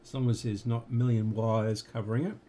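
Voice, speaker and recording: A man's voice: lowish voice, fairly even intonation, dark tone, a little hiss or hum. An Australian man casually talking through a radio repair at his workbench, muttering to himself as he works and now and then talking with his mouth full. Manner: slow, muttering to himself while working. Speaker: electronics repair hobbyist.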